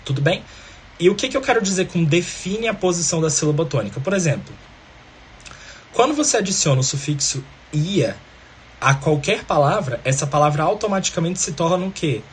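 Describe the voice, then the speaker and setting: A man's voice: on the high side, lively intonation, a little fast, slight background noise. A man teaching a grammar lesson, explaining step by step and often checking in with the listener.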